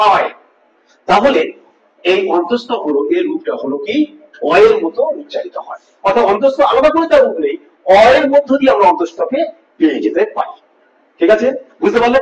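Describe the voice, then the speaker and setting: A man teaching grammar in a classroom style, repeating sample words slowly and quizzing his listeners. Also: extremely high pitch, recorded from a distance. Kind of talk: classroom-style lesson with board writing. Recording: echoey room miked from afar, faint hiss.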